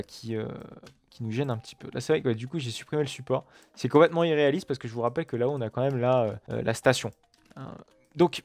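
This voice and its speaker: A gaming video creator sits at his computer recording gameplay, offering casual, chatty let's-play commentary in a medium-pitched voice with no echo. He swears often and keeps talking to viewers through fillers and asides.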